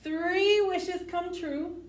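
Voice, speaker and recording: Reading picture books aloud with expression, a woman with a very high voice speaks extremely slowly in a steady tone. She's hosting storytime for children and poses easy questions to them. The sound is roomy and distant-miked, with faint noise behind it.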